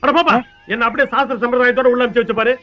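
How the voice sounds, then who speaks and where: Whiny scheming young guy, high bright voice, fast talker, old dull film audio with music under it. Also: fairly even intonation. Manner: bickering, whiny, wisecracking. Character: scheming cowardly young man, jealous cousin. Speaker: comic actor in a film comedy scene. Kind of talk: 1990s Tamil film comedy acting. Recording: dull film soundtrack with background score.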